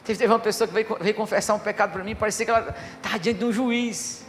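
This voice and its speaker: A male pastor preaching a fervent sermon, swinging from hushed passages to loud declarations. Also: sits high, fairly even intonation, quick pace, big-room sound, slight background noise.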